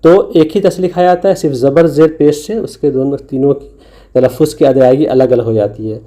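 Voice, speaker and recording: A man's voice: medium pitch, brisk, warm tone. A man teaching Urdu letters over slides, patiently sounding out letters and syllables one by one. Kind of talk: recorded lesson explaining a slide.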